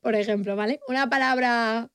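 Playful Spanish woman, slightly high voice. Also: normal speed, smooth, no echo, studio quality. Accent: Spain Spanish. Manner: playful, animated storyteller, laughs a lot. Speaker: podcast co-host. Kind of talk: casual chat.

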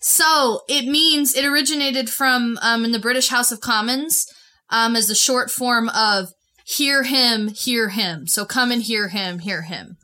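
A woman's voice: fairly high pitch, a little slow, bright, forceful tone. A woman hosting a casual podcast quiz, playfully quizzing the others and explaining answers at length. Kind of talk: casual group chat.

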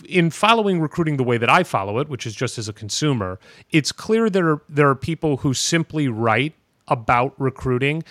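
A man's voice: medium pitch, fairly bright tone, dry recording. Conversational male podcast host, dry sound. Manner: conversational, long winding questions. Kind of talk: casual podcast interview.

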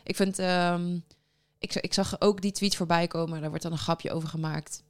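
A woman's voice: on the low side, steady tone, normal speed, clear, resonant tone. A woman hosting a casual talk show, engaged and agreeing often with her co-host. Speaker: podcast host. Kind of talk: casual discussion.

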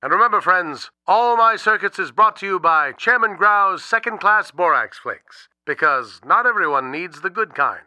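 A man voicing a brash male announcer for an old-time radio show, speaking with a booming, salesy cadence. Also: expressive, normal speed, few pauses, pushed and bright, clear, resonant tone, full character voice, rough recording. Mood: hearty, salesy. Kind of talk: vintage radio announcer delivery.

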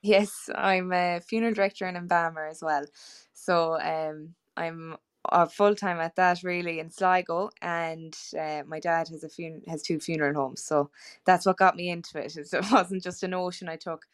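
A young woman from the west of Ireland speaks with that region's accent. Her voice sits a little low for a woman and is smooth and clean. She talks casually and playfully, like a chatty guest on a podcast. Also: steady tone, moderate pace. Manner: chatty, jokey. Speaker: guest musician.

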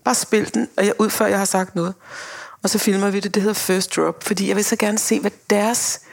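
A woman director talking casually on a podcast, animated, acting out quotes and laughing as she talks. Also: mid-range voice, vocal fry. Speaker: film director, guest.

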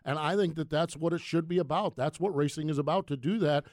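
A man's voice: on the high side, fast talker, darkish tone, no echo, studio quality. A man giving emphatic, casual opinions as a sports radio panelist, repeating phrases for stress. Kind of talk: casual sports commentary discussion.

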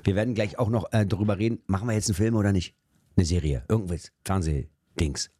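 Male host, casual chat, low husky voice, dry close sound. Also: fast talker, dark tone, no room sound. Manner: brief reactions, often answers in Spanish.

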